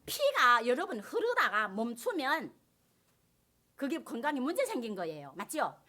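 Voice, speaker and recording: High-pitched, lively woman preaching a sermon. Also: measured pace. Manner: preaching with rising emphasis and call-and-response. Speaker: pastor. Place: church.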